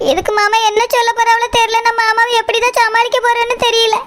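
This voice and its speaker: A woman's voice: extremely high pitch, flat delivery, fast talker, fairly bright tone, slight background noise. A woman voicing a frightened cartoon young wife. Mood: fearful. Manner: pleading, fearful. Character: anxious young married woman.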